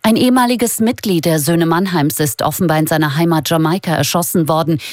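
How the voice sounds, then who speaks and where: A woman's voice: deep voice, a little fast, a little mellow, no room sound, clean studio sound. A woman reading scripted radio news as a presenter.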